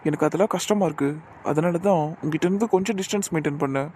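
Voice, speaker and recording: A man voicing a gentle young man who soothes and lightly scolds a girl, in an amateur audio drama. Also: on the high side, quick pace, a little hiss or hum, close to an everyday voice. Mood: soothing.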